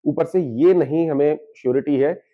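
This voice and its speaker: A man's voice: a little high, moderate pace, phone-quality sound. A man, an astrologer, giving an explanatory spiritual talk. He mixes English terms into his speech and often poses questions and answers them himself. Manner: switches freely between Hindi and English.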